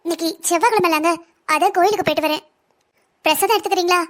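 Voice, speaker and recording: A woman's voice: very high-pitched, very fast, fairly bright tone. A woman voicing a worried middle-aged mother in a family cartoon, pleading with and soothing her husband and daughter. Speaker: mother of the heroine. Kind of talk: Tamil cartoon voice acting.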